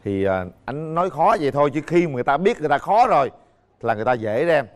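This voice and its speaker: A man's voice: on the high side, big pitch swings, very fast. A man hosting a dating show with joking banter. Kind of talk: lively banter.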